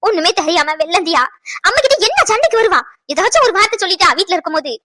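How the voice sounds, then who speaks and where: Exasperated scolding mother, very high, quick, bright, dry close recording. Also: lively intonation, no echo, exaggerated voice. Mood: upset, scolding. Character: fretful mother, angry over her married daughter. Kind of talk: TV serial drama acting.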